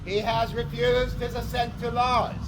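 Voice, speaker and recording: Man acting as a high-pitched town crier, proclaiming. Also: little pitch movement. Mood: solemn, proclaiming. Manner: declamatory, deliberate, broken into short phrases. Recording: outdoor recording with faint traffic noise.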